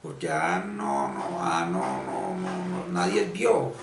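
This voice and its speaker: Gravelly-voiced guy teaching spiritual stuff, pitch swings up and down a lot, stops and restarts a ton, sounds a bit far off in a roomy space. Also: huge pitch swings, loud music behind the voice. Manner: halting, repeats phrases while searching for words. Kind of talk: unscripted religious lecture. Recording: echoey room, voice off-mic, faint ambience.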